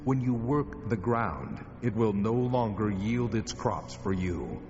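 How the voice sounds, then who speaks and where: An actor playing God as a solemn, commanding male deity in dramatized scripture, speaking with measured authority. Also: lowish voice, lively intonation. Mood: stern warning. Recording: long cavernous reverb, dull band-limited sound. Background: loud music.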